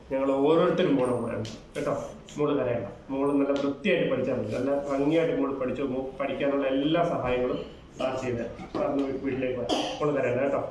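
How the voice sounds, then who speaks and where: A man's voice: medium pitch, slight background noise, lightly acted. A man playing a kind, earnest schoolteacher. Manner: gentle, coaxing, moralizing. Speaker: teacher. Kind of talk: amateur short-film acting. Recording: echoey room, mic far off.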